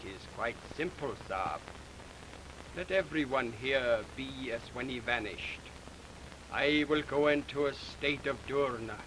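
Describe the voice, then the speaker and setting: Brief: a solemn hypnotist mystic, slow and grave, from a hissy early talkie soundtrack. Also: male voice, mid-range voice. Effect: early talkie film sound. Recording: noisy early film soundtrack.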